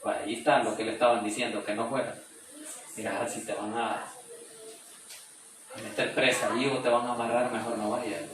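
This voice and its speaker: A man's voice: medium pitch, little pitch movement, fairly quick, long pauses, noisy background. Echoey, distant male preacher. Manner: reads a verse, then retells it in plain everyday speech. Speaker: preacher leading a Bible study. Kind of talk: conversational Bible study teaching. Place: church meeting room. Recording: very echoey room, voice far from the mic.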